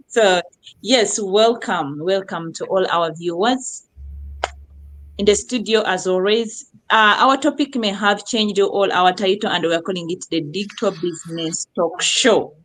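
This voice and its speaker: A woman's voice: mid-range voice, unhurried, a little hiss or hum, rough recording. Middle-aged woman from uganda hosting a live web show, gushing and upbeat, says stuff twice. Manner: lively, effusive, repeats words for emphasis. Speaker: host.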